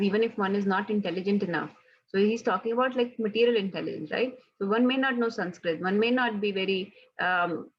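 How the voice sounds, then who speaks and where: Husky-voiced woman teaching a scripture class. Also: mid-range voice, muffled recording. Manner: conversational, frequent "right?" check-ins. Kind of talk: casual devotional class.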